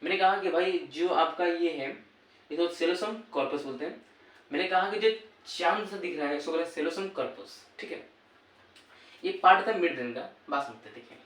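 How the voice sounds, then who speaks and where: Guy teaching class, keeps asking and repeating answers, kinda high voice, echoey room from far off. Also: a little fast, a bit bright. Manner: repetitive call-and-response quizzing. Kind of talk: classroom lesson.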